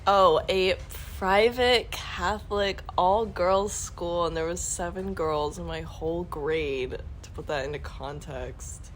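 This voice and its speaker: A woman's voice: lowish voice, takes it slowly, slight background noise, poor audio. A woman in her twenties talking candidly and laughing as a podcast guest. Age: 20s. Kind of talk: casual chat.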